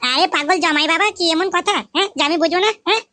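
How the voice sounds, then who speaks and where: A woman's voice: very high voice, racing, pushed and bright. Woman as a cajoling mother-in-law. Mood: coaxing. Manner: sweet-talking, cajoling. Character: coaxing middle-aged mother-in-law, thirties by her claim. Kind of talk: comic village skit.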